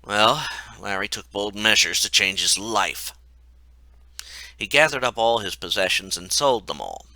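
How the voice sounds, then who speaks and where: A man's voice: on the low side, animated, measured pace, sharp tone, no room sound. A man reading his own comic story aloud in a wry, mocking way.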